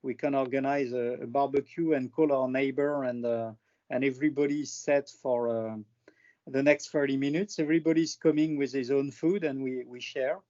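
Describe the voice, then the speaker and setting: A man's voice: medium pitch, fairly even intonation, moderate pace, a little mellow. A man with a French accent, talking casually on a video call, hesitant, with many fillers and restarts. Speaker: presenter on France in a video call. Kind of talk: casual chat. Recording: dull lo-fi call audio.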